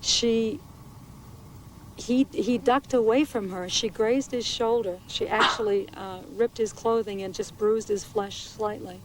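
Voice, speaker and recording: A woman who works as a naturalist and park ranger, speaking in a documentary interview in a measured, halting way with small restarts. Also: a little high, steady tone, background noise. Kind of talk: interview recounting a bear attack. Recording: 1980s VHS documentary interview.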